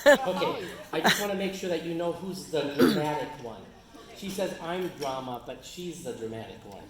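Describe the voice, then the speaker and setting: A man's voice: fairly high pitch, expressive, moderate pace. An older man giving an affectionate father of the bride speech, informal and rambling, often losing his place and chuckling. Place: large echoey room before wedding guests. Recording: very echoey hall with audience noise. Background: crowd reactions and laughter.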